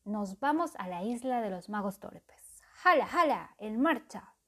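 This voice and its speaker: A woman voicing a bossy, boastful male dragon sorcerer in a storybook, with booming exclamations. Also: lively intonation, measured pace, bright, forceful tone, heavily acted. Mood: exultant.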